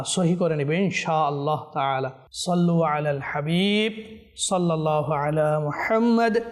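A man teaching Quran recitation on a television lesson, chanting verses slowly and melodically, then explaining corrections earnestly and repeating them for viewers. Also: on the high side. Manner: drawn-out melodic recitation between quick explanations.

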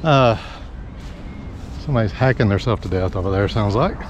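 This is a casual walk-and-talk vlog from a middle-aged lawn care worker moving through a hotel parking lot and slopes. He talks haltingly in a lowish, animated voice, and the action camera held at arm's length cuts off the highs while traffic hums in the background.

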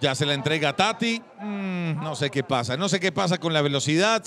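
High-pitched Colombian man, excited race-style commentator. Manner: animated, repetitive exclamations and drawn-out calls. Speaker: game show sports commentator.

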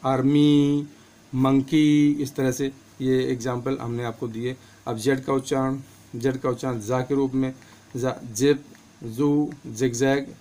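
This man's voice is mid-range and darkish. He teaches English pronunciation and spelling slowly and patiently, going through words one at a time and giving each meaning.

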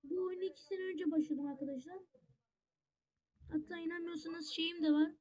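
A gaming YouTuber giving casual gameplay commentary, chatty and excitable, constantly talking straight to the viewers as friends. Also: very high-pitched, moderate pace. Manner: excitable, reacting out loud to the match.

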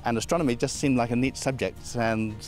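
A man's voice: mid-range voice, fairly even intonation, fairly quick, darkish tone, faint music behind. A man, an astronomy professor answering interview questions in a modest, thoughtful way with small restarts. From Britain. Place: outdoors beside an observatory dome on a hill.

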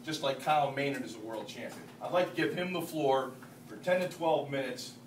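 A man's voice: mid-range voice, fairly quick. A man giving a rousing pep speech to a team as he introduces a guest speaker. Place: large indoor team meeting room. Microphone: distant camera across the room. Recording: roomy, distant camera audio, faint noise.

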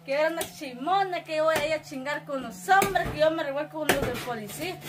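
A woman's voice: sits high, quick pace, very noisy. A woman telling her own story in a rambling, breathless way, full of broken restarts. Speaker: woman telling of being beaten. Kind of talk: emotional first-person account.

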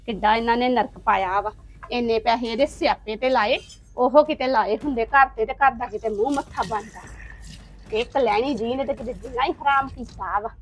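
A woman's voice: a little high, moderate pace, lightly acted. A woman playing a resentful sister-in-law who mutters bitter, scornful complaints. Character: spiteful resentful sister-in-law, grudging and sharp-tongued. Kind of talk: family drama acting.

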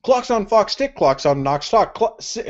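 Very animated young man with highish voice. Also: slow, dull audio. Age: young adult. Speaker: vlogger. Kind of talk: tongue-twister challenge to camera. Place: living room, indoors. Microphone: webcam at desk distance.

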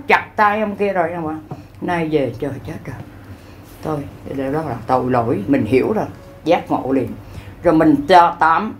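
A woman's voice: fairly low pitch, darkish tone, a little hiss or hum. Rambling preacher woman. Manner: rambling, colloquial, with acted-out dialogues and frequent fillers. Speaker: lay Buddhist preacher. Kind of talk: improvised folksy sermon.

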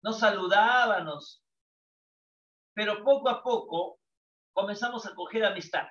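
A man's voice: sits high, unhurried, fairly bright tone. An older man, teaching a psychology class and asking and answering his own questions. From Peru. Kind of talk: lecture to students. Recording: echoey, distant, dull lo-fi sound.

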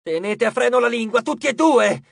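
A man voicing a boastful, hot-tempered male Titan lord of dawn in an audiobook, raised and drawn out, often shouting. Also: high voice, lively intonation, a little slow, gravelly, no room sound, studio quality, full character voice. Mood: fearful.

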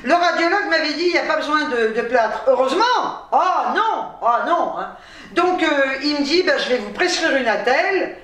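Tired, chatty woman vlogger, high-pitched, exasperated asides, recorded in a booming room. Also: lively intonation, a little fast, fairly bright tone, distant mic. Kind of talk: casual storytelling to camera. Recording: very echoey room, off-mic.

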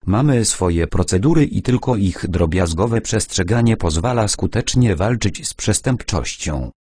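A man's voice: low-pitched, expressive, measured pace, darkish tone, breathy edge, no echo, studio quality, full character voice. A man voicing a bored, pedantic police officer who talks down to a witness about procedure in an audiobook. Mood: condescending. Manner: condescending, insisting on procedure.

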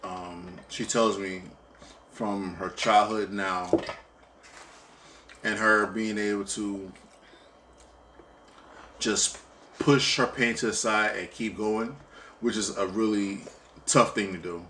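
A man co-hosting a casual couple's chat while eating, talking haltingly with frequent restarts. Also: fairly low pitch, steady tone, bright, forceful tone, a little hiss or hum. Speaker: co-host.

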